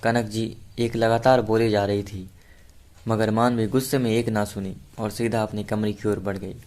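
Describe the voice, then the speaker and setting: A man narrating a romantic suspense story in a steady manner. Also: on the low side, normal speed.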